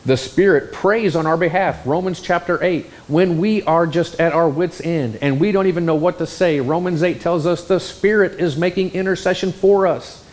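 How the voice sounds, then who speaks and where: A man preaching a sermon, telling a story in an animated, exclamatory way. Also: on the high side, moderate pace, hardly any pauses. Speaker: pastor.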